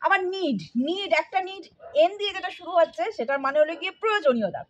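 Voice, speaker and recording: A woman's voice: very high voice, animated, fast talker, a bit bright, highs cut off. A woman giving a casual spoken English lesson, talking straight to her learners and often checking that they follow. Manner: familiar, addresses learners directly with frequent checks.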